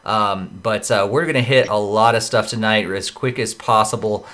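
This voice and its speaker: A man's voice: on the low side, moderate pace, a bit bright. A man hosting a casual gaming podcast, running through a list of news items with lots of "uh" fillers. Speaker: podcast host.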